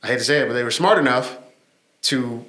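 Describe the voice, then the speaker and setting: Co-host, man, measured and explanatory, mid-pitched, echoey room. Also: pushed and bright. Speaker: podcast co-host. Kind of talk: casual discussion.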